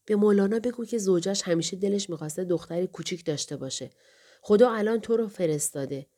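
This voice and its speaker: The spirit of a young woman in a storybook , as a woman reads her, coaxes in a soft, tender way. Her voice sits a little higher yet stays mellow. Audiobook reading. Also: natural voice. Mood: coaxing.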